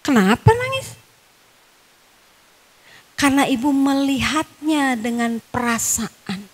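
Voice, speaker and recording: A woman with a Sundanese accent teaching a Quran study class, quizzing the women listening with questions and chanting Arabic verses slowly. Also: high-pitched, animated, husky. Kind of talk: religious study lecture. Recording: long reverb, echoing hall.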